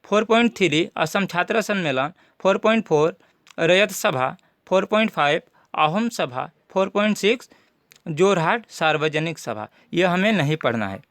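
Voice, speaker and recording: Male teacher, high-pitched, dry close recording, methodical and repetitive. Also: animated, moderate pace, a bit bright, no echo. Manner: methodical, repeats points for students. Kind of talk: syllabus walkthrough lesson.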